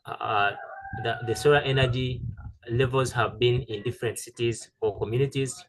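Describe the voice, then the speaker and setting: A man giving a halting technical presentation over a video call, with many fillers and restarts. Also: mid-range voice, a bit bright, poor audio. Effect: heard over a video call. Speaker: presenter pitching a solar tool.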